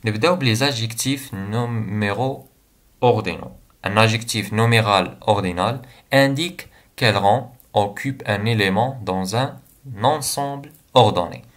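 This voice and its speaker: A young man with an Algerian accent teaching a French grammar lesson, saying examples slowly and then translating them quickly into Arabic. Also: lowish voice.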